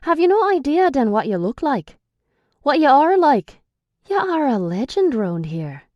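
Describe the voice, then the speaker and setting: Putting on an irritable, sarcastic young male captor, a woman narrator makes him gruff and impatient with the woman he guards, his lines raised, forceful and scolding and higher than her normal reading. The close, dry recording sounds dull, with big pitch swings at a slightly slow pace. He comes across teasing.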